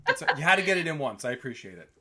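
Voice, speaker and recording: A man's voice: a little high, sing-song, racing, music in the background. A man hosting a casual video interview, upbeat and encouraging, often restarting his sentences. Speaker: host.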